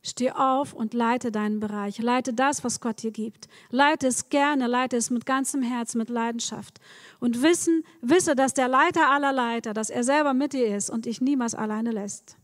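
A woman's voice: on the high side, normal speed, no echo, clean studio sound, big-room sound. A woman preaching a sermon, speaking straight to her congregation with encouraging words and frequent repetitions. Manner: encouraging, addresses the congregation directly, repeats words.

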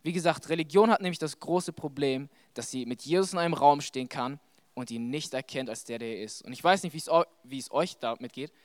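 Give me a young man delivering a chatty, animated sermon, close and dry. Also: on the high side, a little fast, dry recording. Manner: conversational, animated preaching with frequent fillers. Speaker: preacher. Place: church hall with audience.

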